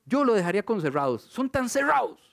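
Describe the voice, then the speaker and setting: A man with a Costa Rican accent preaching a sermon, telling stories and asking rhetorical questions, moving between loud and hushed delivery. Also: sits high, very animated, fairly quick, vocal fry. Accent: Costa Rican Spanish.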